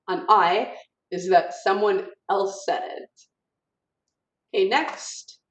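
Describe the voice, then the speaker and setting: Casual woman lecturer, off-mic, muffled lo-fi sound. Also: medium pitch. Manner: informal, many fillers, models stressed words aloud. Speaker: teacher. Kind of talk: recorded online lecture. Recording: roomy, distant, dull audio.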